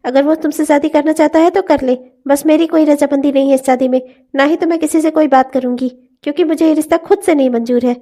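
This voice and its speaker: A woman's voice: high voice, steady tone, fast talker, few pauses, dark tone, close to an everyday voice. A woman voicing a stubborn, resentful young wife in a cartoon family drama, speaking in curt refusals. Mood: cold.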